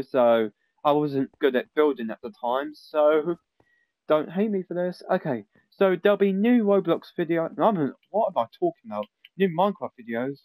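A man's voice: fairly high pitch, a little mellow, no room sound. A young man giving a rambling, casual gameplay commentary as he tours a building he made. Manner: rambling, informal, with frequent fillers. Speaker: gaming YouTuber.

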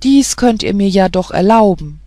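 A reader voicing a shy, gentle young female fairy-tale spirit in an audiobook, speaking in a timid, pleading way. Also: medium pitch, lively intonation, moderate pace, no echo, clean studio sound, close to an everyday voice.

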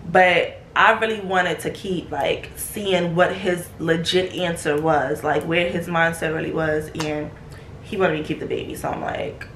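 A woman's voice: lowish voice, measured pace, a little hiss or hum. Slangy young woman in an echoey room. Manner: slangy, profane, animated, breaks into laughter. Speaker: vlogger. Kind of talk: casual storytime chat.

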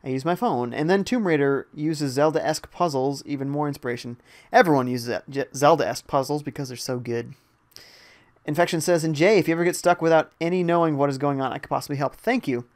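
A young man talks casually while live-streaming a game, his voice sitting a little higher than most men's. He reads viewer messages aloud one after another and answers them in a loose, chatty way between bits of gameplay. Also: brisk. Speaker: gaming streamer. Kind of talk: casual live-stream commentary reading chat.

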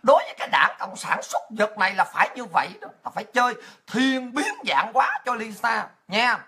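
A woman's voice: a little high, sing-song, moderate pace, bright, forceful tone, slightly rough. A woman with a Southern Vietnamese accent giving an angry, profane political rant. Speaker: political commentator.

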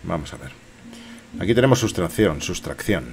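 Over game music, a fifties-aged streamer from Spain jokes his way through gameplay, muttering to himself and repeating the game's lines in a Spanish accent. He has a low, expressive voice and talks at normal speed.

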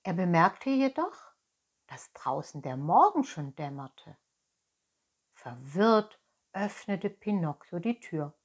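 Slow, gentle woman reading a storybook. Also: on the low side, husky. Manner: calm, soft and expressive, with asides to listeners. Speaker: storyteller, children's story host. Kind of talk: reading a children's book aloud.

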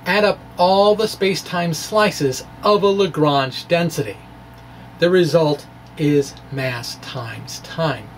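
A man in his forties with a slightly high voice and a slow pace presents a physics lecture playfully and wryly, with dramatic flair, shifting between scripted reading and informal explanation. He's in a small indoor room lined with bookshelves, speaking into a close stand-mounted microphone. A faint, steady background noise runs underneath.

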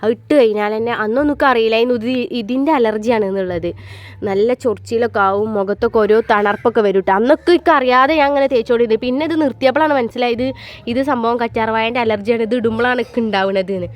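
A woman's voice: fairly high pitch, fairly even intonation, racing. A woman, chatting casually to her viewers in a family vlog. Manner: chatty, addresses viewers, ends remarks with soft tags. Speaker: family vlogger.

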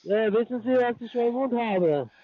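A man's voice: very high-pitched, lively intonation, normal speed, no echo. A man who is not a native German speaker, talking in broken German on a scam call and repeating mocking insults. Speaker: scam caller. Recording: dry muffled phone call.

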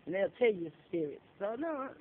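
A woman from a shelter recounts a story in relaxed chat, using a medium-pitched voice that swings widely in pitch and runs a little fast. She's profane and direct and acts out what others said. The phone recording, made outdoors, is tinny with slight noise.

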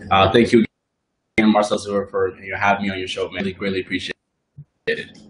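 A man's voice: low-pitched, flat delivery, fast talker, echoey room. A young man from Congo, a guest on a video call, speaking in a friendly, polite way. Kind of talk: casual conversation on a video call. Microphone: webcam on a video call.

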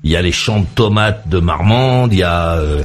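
A man's voice: sits low, expressive, normal speed. A man hosting a late-night call-in radio show, chatting in a rambling, stammering way with chuckling asides. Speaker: radio host. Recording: radio studio mic.

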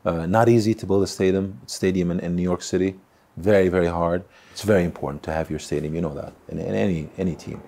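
A football club chairman in his forties sits for an on-camera interview, his deep, mellow voice carrying a gravelly, husky grain. He halts, stumbles, repeats words and fills gaps with "uh," keeping his intonation fairly even. The close mic picks him up in an indoor room with a little hiss or hum.

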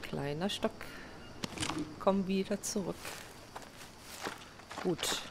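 A gaming video host with a low, creaky voice draws out her words as she chats to herself during casual let's play commentary. She plays and crafts in a survival game, often poking fun at herself, over a noisy background.

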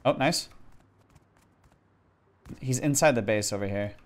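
A male streamer giving urgent, rapid callouts to his teammates during a shooter game. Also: mid-range voice. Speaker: streamer playing a survival shooter. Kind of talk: live gameplay callouts.

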